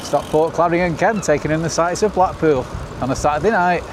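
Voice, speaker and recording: Outdoor noise sits clearly behind a middle-aged northern English man with a fairly high-pitched voice. He chats casually as he rides, upbeat and full of exclamations, like a travel show host out on a bike. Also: brisk. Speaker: cycling vlogger. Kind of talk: casual ride-along commentary to camera. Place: outdoors on a bicycle. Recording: noisy outdoor recording, wind and traffic.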